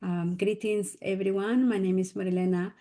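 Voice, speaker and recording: A woman's voice: mid-range voice, steady tone, normal speed, dark tone. Peruvian woman author giving a talk. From Peru. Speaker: guest speaker, author. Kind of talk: academic talk.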